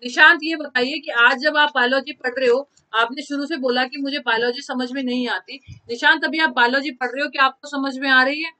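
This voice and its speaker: A woman's voice: high-pitched, steady tone, fairly quick, hardly any pauses, bright, forceful tone, low-quality recording. A woman teacher giving a live online class, repeating key terms and calling on students by name. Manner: mixes Hindi and English terms, repeats key phrases; addresses students by name from chat.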